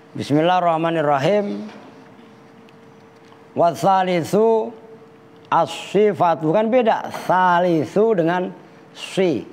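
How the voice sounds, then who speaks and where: A man with a Betawi Jakarta accent, a kyai teaching Arabic grammar to students in a casual, slangy, teasing way. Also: medium pitch. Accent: Betawi Jakarta Malay. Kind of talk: casual classroom lesson with banter. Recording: reverberant hall with faint background noise.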